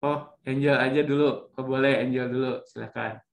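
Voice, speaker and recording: A man's voice: medium pitch, fairly even intonation, moderate pace, gravelly, roomy sound. A man teaching a live online public speaking class, chatty and coaxing students to volunteer, often ending sentences with tag questions, over a video call mic.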